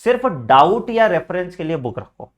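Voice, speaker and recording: A man with a somewhat high voice gives students study advice in a casual lesson. He is direct and teacherly, checks in often to confirm they follow, and drops in English phrases. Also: sing-song, normal speed. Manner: frequent "theek hai" check-ins, addresses students as beta. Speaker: exam coaching teacher.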